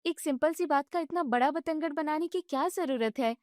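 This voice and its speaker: A woman voicing a young newlywed daughter-in-law who argues back in a high, exasperated voice. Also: normal speed, darkish tone, dry recording, studio quality, close to an everyday voice. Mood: indignant. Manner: high, protesting complaints.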